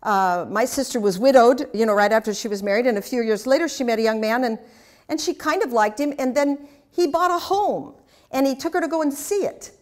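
A woman's voice: a little high, a little fast. Chatty older woman teaching a class. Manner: chatty, anecdotal, with humorous asides. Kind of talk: interactive talk with audience questions.

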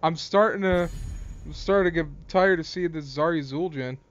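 A man's voice: on the high side, normal speed, muffled recording. A man co-casting a video game stream in casual commentary, joking and swearing freely. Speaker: stream co-caster.

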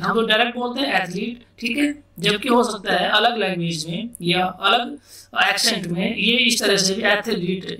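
A man with an Indian accent teaching English vocabulary in a casual classroom style, repeating words slowly and asking himself questions as he explains. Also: sits high, sharp tone. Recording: echoey room, distant mic.

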